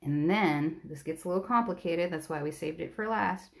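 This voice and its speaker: A woman's voice: on the low side, normal speed, gravelly. A woman art teacher giving a patient, step-by-step drawing lesson on a live stream.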